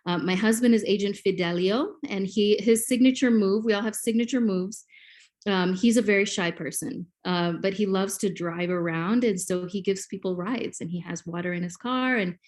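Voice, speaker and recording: Guesting on a podcast, a Swahili-speaking Kenyan woman in her forties explains things the way a classroom teacher would, with many ums. Her pitch is medium, her pace normal, and her tone somewhat dark.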